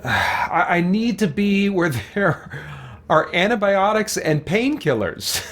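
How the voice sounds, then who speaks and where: This let's-play host has a high, fairly bright voice that swings widely in pitch, and he speaks slowly. He chats through casual gaming commentary, musing aloud and responding to viewer questions.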